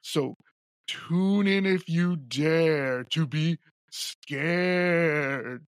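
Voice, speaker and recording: Slow-talking man pitching his podcast. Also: no echo, studio quality. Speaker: podcast host in a promo. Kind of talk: podcast promo.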